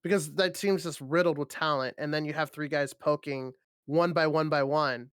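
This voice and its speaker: Guy co-casting esports online, fairly high voice, dry close sound, rambles with lots of "like". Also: fairly even intonation, moderate pace, fairly bright tone, smooth, no echo. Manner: rambling, filler-heavy, keeps asking "right?". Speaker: esports co-caster. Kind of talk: live esports commentary. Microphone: remote call over the internet.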